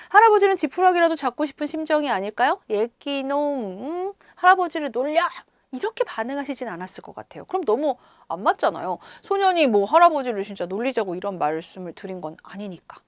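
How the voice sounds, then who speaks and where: A woman teacher explaining a story to schoolchildren, expressive and full of questions to her pupils. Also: sits high, dry recording, studio quality. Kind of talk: reading-comprehension lesson.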